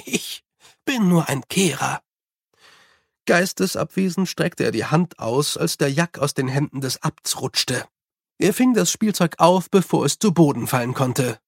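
Audiobook narrator reading a story, steady measured delivery, dry close mic. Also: medium pitch, gravelly, no echo.

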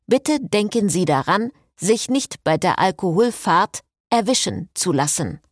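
A woman's voice: mid-range voice, big pitch swings, a little slow, dry recording, clean studio sound. A woman voicing a polite, formal car computer in a read-aloud novel. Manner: formal announcement tone.

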